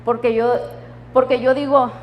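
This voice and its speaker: A woman's voice: a little high, fairly even intonation, normal speed, long reverb tail, dull audio, a little hiss or hum. A woman giving her personal testimony in church, emotional and laughing often as she quotes the voices of God and friends.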